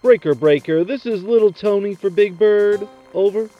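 A man's voice: high voice, moderate pace, highs cut off, soft background music, pitched above the performer's own voice. A man playing a male trucker who talks in clipped call-sign chatter over a CB radio transmission. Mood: brisk.

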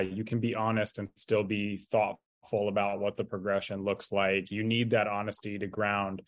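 A man hosts a podcast interview with a low voice, recorded close and dry. He asks long, thoughtful open questions and lets his guest talk. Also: dry recording. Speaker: podcast host.

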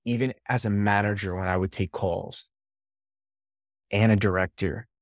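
Man, low voice, casual interview guest, lively storytelling, dry recording. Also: moderate pace, no echo. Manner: animated storyteller, swears casually. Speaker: podcast guest, sales leader and coach.

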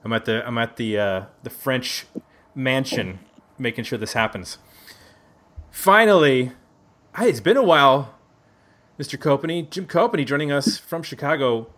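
A man speaks in a sing-song, medium-pitched voice at a moderate pace, pausing often, his tone a bit bright. He hosts a casual round-table music podcast from inside a neighbor's house, a jokey, chatty Buffalo, US native who often corrects himself.

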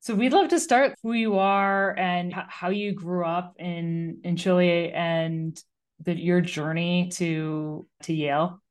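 A woman hosts an interview, introducing her guest warmly and then asking him questions. Her voice sits a little low for a woman. She sounds friendly and encouraging. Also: steady tone, slow pace, clear, resonant tone. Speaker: podcast host. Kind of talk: interview hosting.

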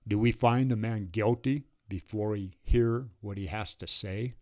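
A man's voice: fairly low pitch, steady tone, unhurried, lightly acted. A man reading the lines of an earnest male guard who pleads for fairness.

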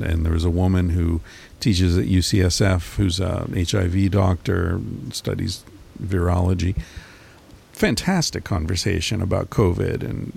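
A man's voice: low-pitched, vocal fry, darkish tone, breathy edge. A man talking in a rambling, casual monologue, swearing freely and full of fillers and restarts.

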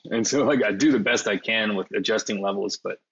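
A man's voice: fairly low pitch, a little fast, gravelly, a bit bright, husky, muffled recording. A man chatting as a podcast guest in a hesitant, self-deprecating way, full of fillers. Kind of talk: casual interview conversation.

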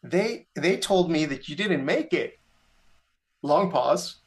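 Animated man telling a personal story. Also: slow. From Mexico. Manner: animated, rising pitch on emphasis, self-correcting restarts. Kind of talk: conversational storytelling.

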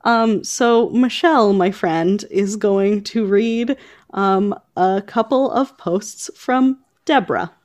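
Speaking at an unhurried pace, a woman hosts a casual book-chat podcast in a medium-pitched, mildly mellow voice. Her style is loose and conversational, full of little asides.

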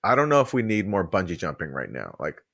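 Low-voiced ironic man podcast host. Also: huge pitch swings, quick pace, vocal fry, fairly bright tone, no echo, studio quality. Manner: mock-solemn, ironic banter. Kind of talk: casual podcast chat.

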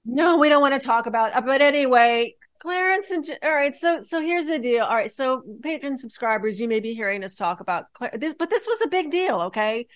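A woman co-hosting a casual podcast, talking astrology and politics in an excitable, rambling way with many restarts. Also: high voice, brisk, hardly any pauses, no echo.

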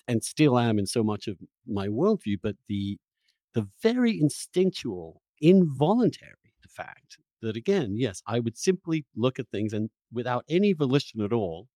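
In a reflective long-form conversation, a male interviewer speaks earnestly and emphatically, frequently halting and repeating words. His voice is mid-range with a dark tone, and there's no echo.

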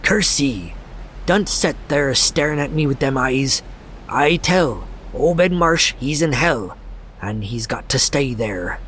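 A man's voice: mid-range voice, expressive, takes it slowly, a little hiss or hum. A man voicing a crazed, terrified old harbor drunk in a storybook reading, ranting in a rustic old dialect. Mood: raving. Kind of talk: audiobook character voice.

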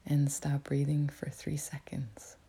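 Soft-spoken nasal woman guiding meditation. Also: low-pitched, monotone, slow, vocal fry, slightly rough. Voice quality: soft, half-whispered delivery. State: has a cold, nasal. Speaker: meditation guide. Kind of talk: guided meditation. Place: writer's cabin with a crackling fire.

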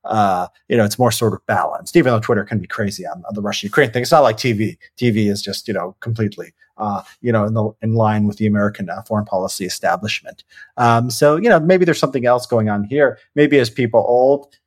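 A man with a lowish voice hosts a relaxed discussion. He thinks aloud and fills his speech with "uh" and "you know". The recording is dry and close. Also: quick pace, breathy edge, no room sound. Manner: rambling, heavy fillers like "you know". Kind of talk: casual conversational discussion.

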